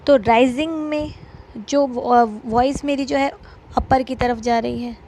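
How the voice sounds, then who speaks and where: A woman with a somewhat high voice teaches an exam-prep lesson. She explains patiently, step by step, pausing often on fillers. A faint hiss of noise sits under the recording. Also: steady tone, dark tone, low-quality recording. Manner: explanatory, many filler pauses.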